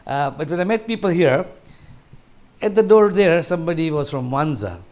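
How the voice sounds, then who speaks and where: A Tanzanian guest speaker in his sixties talks at normal speed, his voice sitting high with a darkish tone and an expressive delivery. Speaking conversationally to a seniors group in a large hall, he rambles and restarts sentences.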